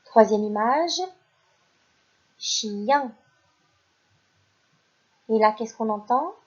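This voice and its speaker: A woman teaching a phonics lesson to young children, speaking clearly and encouragingly and praising the pupils as she goes. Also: on the high side, darkish tone. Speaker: primary school teacher. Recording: dull lo-fi recording.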